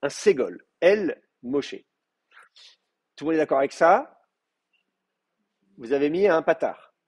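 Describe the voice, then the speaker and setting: A man's voice: a little high, animated, slow pace, a little mellow, breathy edge. A man lecturing a Hebrew class, explaining patiently with many fillers and restarts. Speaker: Hebrew teacher. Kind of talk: university lecture.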